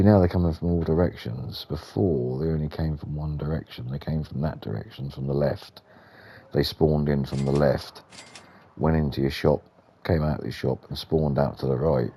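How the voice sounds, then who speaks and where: A man's voice: extremely low pitch, warm tone, slight background noise. A British man giving rambling, understated, casual gameplay commentary as the host of a gaming video.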